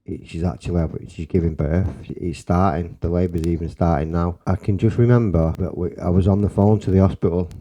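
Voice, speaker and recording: A young man with a Salford accent telling a personal story in a rambling, excitable way, swearing and restarting often. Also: sits low, brisk, hardly any pauses, poor audio. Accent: Salford English. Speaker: storyteller guest.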